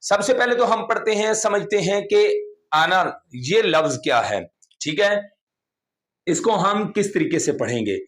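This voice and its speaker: Guy explaining quran reading slow and patient, kinda high pitched. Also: lively intonation, a bit bright. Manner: patient, repetitive explaining with frequent "theek hai". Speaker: Quran recitation teacher. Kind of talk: explanatory online lesson.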